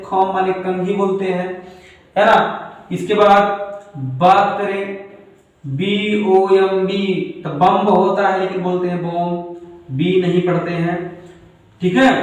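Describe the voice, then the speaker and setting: Slow, patient male teacher in an echoey room. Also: sits high. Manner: slow, repeats phrases word by word, mixes English into explanations. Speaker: English grammar teacher. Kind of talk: classroom lesson. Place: classroom with a board. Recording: echoey room, mic far off, faint noise.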